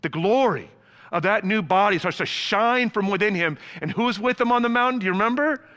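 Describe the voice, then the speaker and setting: A male pastor preaching a sermon, animated, with sudden loud peaks, quiet drops and casual slang asides to the congregation. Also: sits high, brisk, big-room sound.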